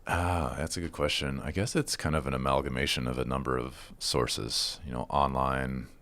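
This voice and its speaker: A man's voice: extremely low pitch, fairly even intonation, moderate pace, a bit bright, dry recording. A man speaking as a podcast guest, chatting informally and often saying "like" and "you know". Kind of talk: casual interview chat.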